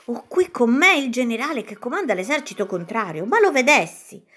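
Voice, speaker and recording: A woman's voice: a little high, sing-song, fairly quick, a bit bright, breathy edge, voice pushed up, exaggerated voice. A woman voicing a handsome, smitten young king who gushes eagerly, in a storybook reading.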